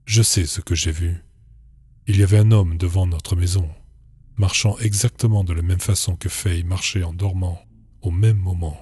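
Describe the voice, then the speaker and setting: A man reading a first-person horror story in a calm, measured, somber way. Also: low voice, breathy edge. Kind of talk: scripted horror narration.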